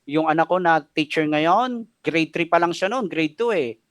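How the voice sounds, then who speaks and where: Speaking at a moderate pace, the pastor has a somewhat high, slightly bright voice and a Filipino accent. The middle-aged man relates a personal story with emotion during his radio sermon, mixing Tagalog with English. The sound is dry and studio-clean.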